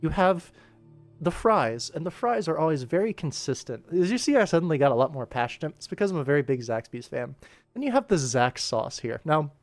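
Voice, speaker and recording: This US-based animator talks casually on his livestream as he works, partly addressing himself now and then. His fairly high voice is animated and a little fast, recorded with no echo and faint music behind it.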